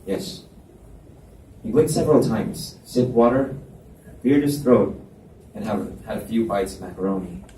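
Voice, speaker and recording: At a live book reading in an indoor library event space, a man narrates scripted romance fiction aloud. His voice is lowish and dark, at a normal pace. The room is echoey, the mic is distant, and there's faint noise.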